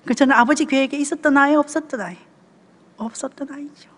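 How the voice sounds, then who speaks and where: A woman's voice: high-pitched, quick pace, a bit bright. Older Gyeongsang woman speaking in a hall. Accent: Gyeongsang Korean. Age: 70s. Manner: storytelling, often checks in with the audience. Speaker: church deaconess giving a family seminar talk. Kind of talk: conversational sermon talk.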